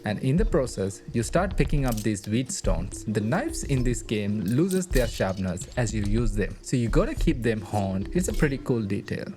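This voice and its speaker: A man whose first language isn't English narrates a video, casually recapping a game's story in a chatty, informal way. His medium-pitched voice is very animated at normal speed with few pauses, over loud game music in the voice-over.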